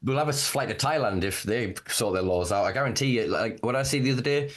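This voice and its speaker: A man's voice: mid-range voice, animated, quick pace. A man with a neutralized northern English accent, in casual podcast chat, swearing freely and ranting. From Northern England. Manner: swears freely, mocking impressions.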